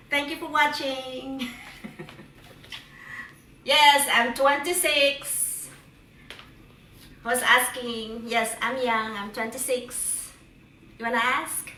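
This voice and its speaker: A middle-aged woman narrates a casual cooking vlog from her home kitchen, playfully chatting and exclaiming cheerfully at each step. Her voice sits high, pushed and bright, with a steady tone, a slow pace and long pauses. She's far from the mic in an echoey room, with a little hiss or hum.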